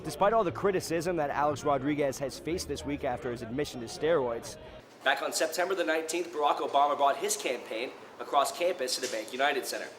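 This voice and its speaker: A young American man, working as a reporter and anchor, reads scripted news in a formal newscaster style. His voice is on the high side and he talks fast, with crowd noise in the background.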